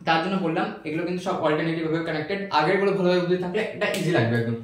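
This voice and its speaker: A man's voice: fairly high pitch, expressive, very fast. A man teaching a recorded chemistry lesson, patiently repeating each step and checking that students follow. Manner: patient, repeats steps and asks checking questions. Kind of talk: recorded online lecture. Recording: echoey room.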